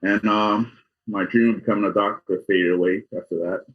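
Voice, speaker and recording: On dull, lo-fi audio, a fortysomething doctor from Guyana talks through his life story as an interview guest, keeping it casual and matter-of-fact. His voice is lowish and fairly quick, with fairly even intonation.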